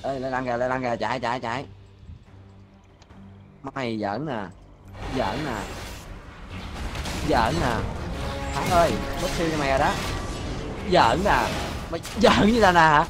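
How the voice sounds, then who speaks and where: A man streaming a game, loudly teasing and shouting at his teammates. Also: mid-range voice, measured pace, pauses often. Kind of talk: excited gameplay commentary. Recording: game music behind.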